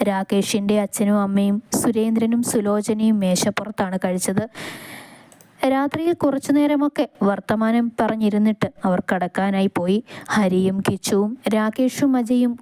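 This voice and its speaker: Woman, story narrator, calm even reading, mellow tone, dry recording. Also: medium pitch, dry recording.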